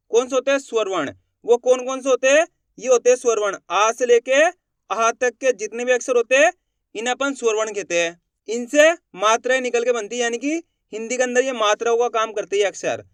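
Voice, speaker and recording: A man with a very high, smooth, resonant voice teaches the Hindi alphabet. He asks a question, answers it himself, and stretches each vowel slowly and clearly. The recording is dry and close. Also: fairly bright tone, no echo. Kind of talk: classroom lesson.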